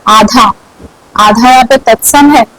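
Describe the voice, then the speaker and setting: A woman teaching a grammar lesson at a slow, deliberate pace, with a voice that sits a little high. She says each word twice and asks herself questions, then answers them. The sound is dry and close, with no room echo. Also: a bit bright.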